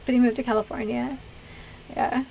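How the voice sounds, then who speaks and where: Chatting with her livestream audience, a Pennsylvania-born East Coast streamer and video game host rambles hesitantly in an American accent, working through thoughts aloud. Her voice is a little high yet darkish, creaky and level, at normal speed. The poor recording has a slight hiss or hum.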